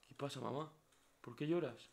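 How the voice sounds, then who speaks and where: A man's voice: medium pitch, normal speed, creaky, darkish tone. Spanish guy streaming a horror game, jumpy, cursing a lot, mutters and whispers to himself. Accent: Spain Spanish. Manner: jumpy, swears, talks to himself, drops to whispers. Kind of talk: live horror game commentary.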